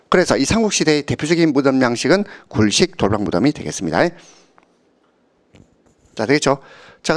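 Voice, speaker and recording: A middle-aged man teaches an exam-prep history class. His voice is mid-pitched and swings up and down with lively intonation as he checks in with the class through quick tag questions and sometimes acts out an anecdote. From Gyeongsang region of Korea. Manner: keeps asking students to confirm with short tag questions; tells anecdotes and acts out quoted speakers. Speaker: history lecturer.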